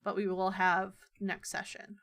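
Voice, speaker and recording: A woman game master narrating a tabletop session in a relaxed, slow way. She fills her pauses with ums and uhs. Her pitch sits in the middle. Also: creaky, a little hiss or hum.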